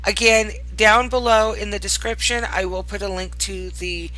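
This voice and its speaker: A woman with a bright, forward voice at an ordinary pitch presents items from a virtual world. She talks casually as the host, gushing fondly over what she shows, though she is tired. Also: steady tone, normal speed, low-quality recording. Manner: gushing, fond of cute things. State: tired late at night. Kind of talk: casual showcase commentary.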